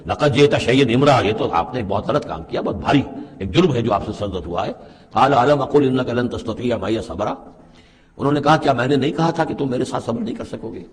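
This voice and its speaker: A man teaching a Quran commentary, reciting verses and then explaining each one in a measured lecturing manner. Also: mid-range voice, creaky, darkish tone, long reverb tail. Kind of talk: Quran translation and commentary lesson.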